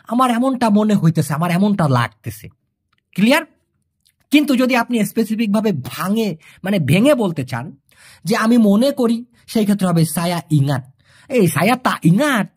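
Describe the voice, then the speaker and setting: A woman from Bangladesh, teaching a language lesson and patiently answering viewer questions, repeating words slowly to drill them. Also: mid-range voice, darkish tone, husky.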